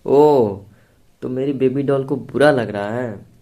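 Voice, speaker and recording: A man's voice: medium pitch, slow, mellow. A man voicing a good-humoured, doting young man in a storybook reading. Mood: teasing.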